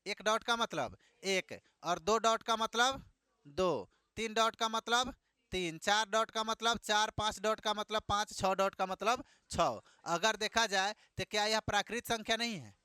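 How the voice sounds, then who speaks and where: A man leads a classroom math lesson in a high, bright voice. He fires questions at the class and repeats every answer back to them. The sound is clean and resonant, with a dry, close feel. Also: measured pace, clear, resonant tone, dry recording. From Bihar, India. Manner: call-and-response questioning, repeats each answer. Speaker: teacher.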